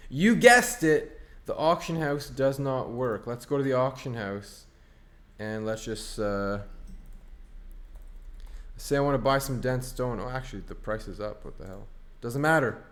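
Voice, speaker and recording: A man's voice: mid-range voice, unhurried, a bit bright. A man giving casual gameplay commentary as a streamer, ranting in an exasperated, sarcastic way. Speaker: online game streamer.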